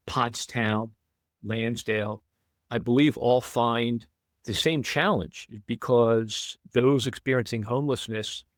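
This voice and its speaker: An American man in his sixties, a municipal manager speaking in a measured, deliberate way in a roundtable discussion. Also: fairly low pitch, no room sound. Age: 60s.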